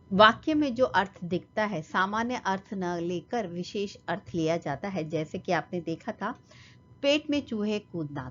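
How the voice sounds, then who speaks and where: A woman's voice: mid-range voice, fairly bright tone, muffled recording, slight background noise. A woman teaching a children's lesson, patiently spelling words out for young kids.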